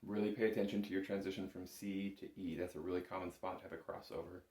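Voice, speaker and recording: A bagpipe instructor talks to camera in an informal, patient music lesson, guiding learners step by step. His voice is low and darkish with little pitch movement, and he speaks quickly. The recording is made in an echoey indoor room.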